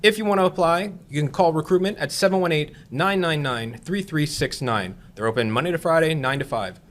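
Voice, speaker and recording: Fast-talking upbeat male podcast host. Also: a little high, a bit bright. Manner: upbeat, urging listeners to apply. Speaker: podcast host, EMS captain. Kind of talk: casual recruitment podcast talk.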